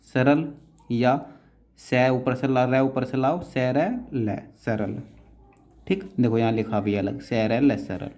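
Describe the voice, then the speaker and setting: A man's voice: mid-range voice, a little mellow. A man teaching shorthand step by step, patiently breaking words into syllables and strokes and calling his students "beta".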